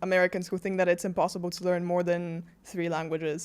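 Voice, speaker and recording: Smooth-voiced woman podcast guest. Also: on the low side, little pitch movement, very fast. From Bulgaria. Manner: chatty, laughs often, lots of "like" fillers. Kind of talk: casual interview chat.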